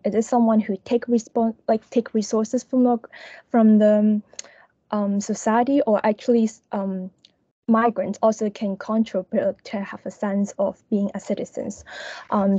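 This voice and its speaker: Soft woman over screen-recorded video call. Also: mid-range voice, no room sound, muffled recording. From Hong Kong. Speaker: student presenter. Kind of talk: online class presentation.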